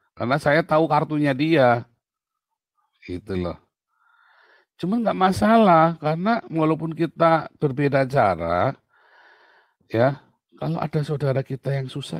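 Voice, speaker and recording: Male preacher, lively storyteller doing quick character voices, medium pitch, dry booth-like sound. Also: dry recording. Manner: animated storytelling, acting out voices of people and God. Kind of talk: sermon-style Q&A teaching.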